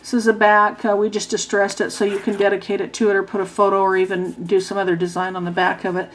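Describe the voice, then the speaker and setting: Female craft instructor, casual walkthrough style, hoarse and dry-mouthed, mid-pitched, talking through a stiff, sore jaw. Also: little pitch movement, fast, slight background noise, rough recording. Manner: stiff-jawed speech, as with a sore, wired jaw. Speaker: craft class instructor presenting a tutorial.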